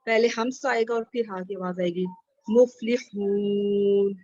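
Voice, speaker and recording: A woman's voice: a little high, no echo. A female student explaining recitation rules step by step to her teacher in an online class. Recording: dry, dull lo-fi online call audio.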